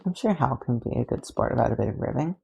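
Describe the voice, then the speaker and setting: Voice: mid-range voice, lively intonation, quick pace, creaky, dark tone, slightly rough, lo-fi sound, full character voice. A podfic reader voicing Superman, a cheerful male superhero who jokes and teases. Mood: teasing. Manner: joking, teasing.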